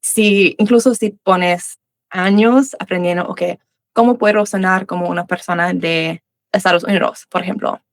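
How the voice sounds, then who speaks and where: With a lowish, steady voice at a moderate pace and no echo, this young Australian English teacher is interviewed as a guest. A native English speaker, she replies in learner Spanish using Uruguayan voseo, stopping to restart often and leaning on fillers in the casual chat.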